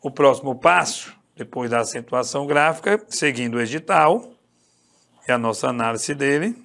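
This Brazilian teacher leads an online Portuguese exam-prep class with a mid-range, gravelly, slightly bright voice, animated and at normal speed. He stresses and repeats the key points, frequently asking his students "tá certo?"

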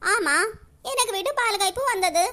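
A woman's voice: extremely high pitch, expressive, normal speed, sharp tone, exaggerated voice. A woman voicing a gossipy, boastful village auntie in a cartoon. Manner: chatty, gossipy.

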